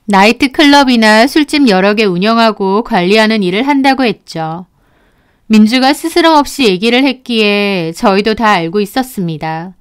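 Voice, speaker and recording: A woman narrates a scripted first-person story in an even, steady storytelling voice. Her voice is smooth and clear and sits a little high.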